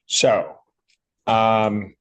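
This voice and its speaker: A man serving as judge in a court hearing, speaking carefully and apologetically with many pauses and restarts. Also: on the low side, little pitch movement, a bit bright, rough recording. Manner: apologetic, measured.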